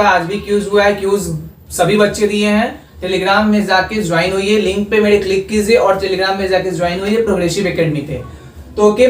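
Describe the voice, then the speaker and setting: A man teaching English grammar in a video lesson. He dictates example sentences slowly and keeps checking in with "okay?". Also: high-pitched, a little hiss or hum. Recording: echoey room, far from the mic.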